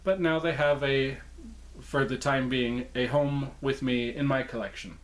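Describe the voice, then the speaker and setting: Male collector-presenter, mid-pitched voice, casual show-and-tell delivery, chatty, informal, self-correcting. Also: measured pace. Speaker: presenter showing a puppet collection.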